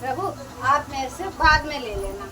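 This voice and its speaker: A woman's voice: high voice, lively intonation, normal speed. A woman voicing a stingy, stubborn village man who dodges a debt with excuses, recorded from afar with a crowd around. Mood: evasive. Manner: evasive, makes excuses. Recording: distant mic, crowd around.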